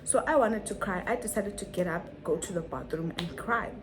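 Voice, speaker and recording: A woman's voice: medium pitch, fairly quick, a little hiss or hum, rough recording. A young woman telling a dramatic story on her vlog, full of rhetorical questions and repetition. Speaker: vlogger.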